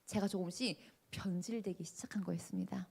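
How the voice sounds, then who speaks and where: A woman's voice: fairly low pitch, steady tone, brisk, vocal fry, a little mellow, husky. A woman preaching a sermon, telling her own testimony dramatically and asking the congregation questions. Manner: dramatic storytelling, voices the people in her story.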